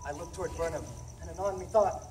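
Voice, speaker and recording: A woman voices an anxious, deferential male messenger in a stage play of Shakespeare. He reports in a low, hushed tone that sounds warm and mellow. The voice carries from a distance with plenty of room echo. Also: fast talker, slight background noise, lightly acted. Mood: hesitant. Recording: echoey stage from far off.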